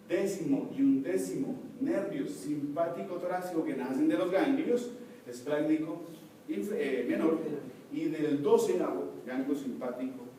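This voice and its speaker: Heard from far off in an echoey lecture hall with faint noise, a man with a fairly high yet dark voice gives a university anatomy lecture. He explains step by step and asks the class to confirm they are following.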